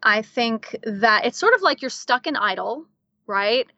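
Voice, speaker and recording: A woman guest talking in a casual interview, animated, laughing often and leaning on filler words. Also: on the high side, measured pace, no room sound, muffled recording. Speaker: guest coach.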